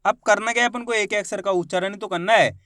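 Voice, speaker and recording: A man teaching children to read, spelling out syllables slowly and stressing each whole word loudly, with quicker, quieter explanations in between. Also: high voice, no room sound, studio quality. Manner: drawn-out syllables, rising loud on each finished word. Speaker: Hindi reading teacher. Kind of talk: slow spelled-out phonics lesson.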